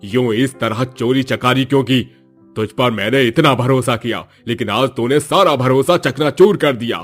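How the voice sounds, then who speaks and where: A man's voice: medium pitch, moderate pace, faint music behind, lightly acted. A man playing a stern, wealthy employer who feels betrayed, scolding and threatening in a moral story. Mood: angry accusing. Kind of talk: acted Hindi moral story.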